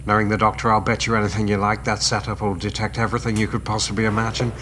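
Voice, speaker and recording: A steady, confident army sergeant, played by a man, with a lowish voice over some background noise. He talks informally and reassuringly, as in a sci-fi audio drama. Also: rapid-fire, natural voice. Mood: cheerful.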